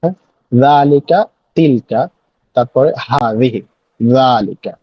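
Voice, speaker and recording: A man teaching a casual Arabic lesson, patiently explaining and repeating words slowly. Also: mid-range voice, husky, no echo, lo-fi sound. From Bangladesh. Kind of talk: casual spoken language lesson.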